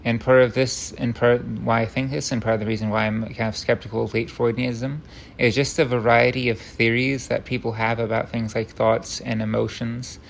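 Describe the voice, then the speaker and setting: Casting: man, creaky gravelly voice, fairly flat delivery, wry and self-deprecating, rambling off-the-cuff rant, some background noise. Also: medium pitch, moderate pace. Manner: rambling, tangent-prone rant, self-interrupting. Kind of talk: unscripted rambling monologue.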